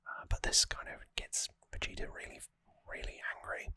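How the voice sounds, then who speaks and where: In short, hesitant bursts, an ASMR host whispers an informal recap right up against the microphone, and the tone comes across as sharp.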